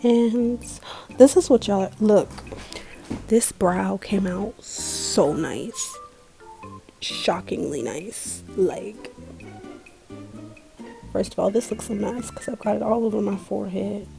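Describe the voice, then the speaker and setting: A woman's voice: mid-range voice, slow, vocal fry, pauses often, warm tone, poor audio. A woman giving a casual makeup tutorial in a giggly, tipsy, rambling way, with slangy, sweary, self-mocking talk. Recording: music playing behind the voice.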